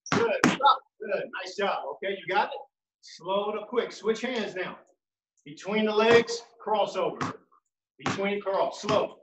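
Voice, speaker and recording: A man with a high, unhurried voice coaches a dribbling workout, counting reps and shouting cues. He sounds far from the mic in an echoey room, with loud noise behind him. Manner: calls out counts and cues, encouraging. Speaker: basketball coach. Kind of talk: home workout drill instruction.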